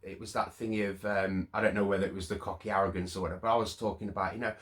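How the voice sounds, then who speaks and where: A middle-aged man, telling a story in a relaxed, rambling vlog chat. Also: racing. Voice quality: deep voice. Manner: relaxed, rambling, many fillers. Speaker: vlogger.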